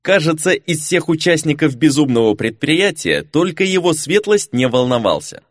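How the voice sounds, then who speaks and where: A man's voice: fairly high pitch, moderate pace, no room sound. Man reading an audiobook, very dry sound. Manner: expressive reading. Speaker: audiobook narrator. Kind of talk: scripted audiobook narration.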